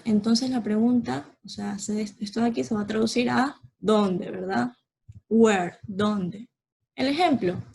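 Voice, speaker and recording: A woman teacher with a husky, slightly breathy voice and a fairly high pitch. She talks very slowly and patiently as she explains a lesson, checking in often with her students. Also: a little mellow, poor audio. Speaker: English teacher. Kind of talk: slow explanatory online lesson.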